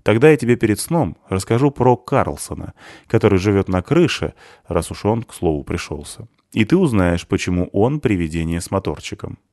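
A gruff ex-soldier, read by a man in a low register, talking to a boy with dry mockery and rough words. The sound is close and dry, with no room around it. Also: expressive, moderate pace, few pauses, mellow, dry recording. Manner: dry, mocking, rough-spoken. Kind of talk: audiobook character reading.

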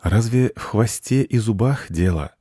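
A man voicing a clever male cat who talks softly, slyly and like a know-it-all. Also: on the low side, animated, measured pace, husky, dry recording, studio quality, voice pushed up. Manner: soft, ingratiating, know-it-all.

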